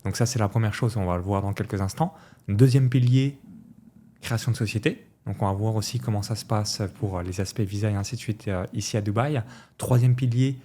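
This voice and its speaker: Mellow-voiced male podcast host. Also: on the low side, fairly quick. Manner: structured, lays out points in order. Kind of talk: interview questions.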